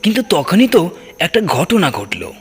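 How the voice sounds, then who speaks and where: A man narrates a scripted first-person ghost story in a dramatic storytelling style, his high-pitched voice swooping wildly as he speaks unhurriedly. Background music plays beneath a long, cavernous reverb.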